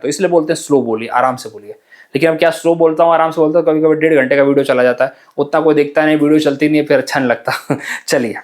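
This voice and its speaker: A young man teaching exam vocabulary in a chatty, joking way, mixing Hindi and English and sometimes rushing his words. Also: sits high. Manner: talks fast at times, admits rushing words. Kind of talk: casual Hindi-English lesson.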